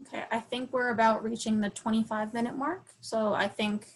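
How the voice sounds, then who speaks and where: A woman runs a casual video call and keeps it moving briskly. A faint noise sits behind her voice. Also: a little high, fairly even intonation, low-quality recording. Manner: brisk, moderating. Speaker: meeting host.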